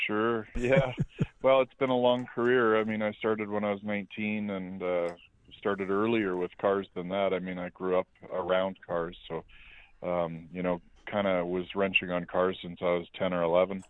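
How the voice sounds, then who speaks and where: Middle-aged Canadian male guest, deep and dry, phone-line quality. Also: normal speed, no echo. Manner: relaxed, rambling with many fillers. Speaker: guest, metal fabricator and speed shop owner. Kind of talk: casual interview chat.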